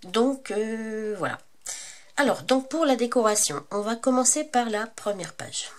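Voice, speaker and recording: A woman with a French accent hosts a crafting channel tutorial while congested with a cold. Her fairly high, expressive voice moves a little slowly against slight background noise, and she talks casually and hesitantly with many fillers and self-corrections.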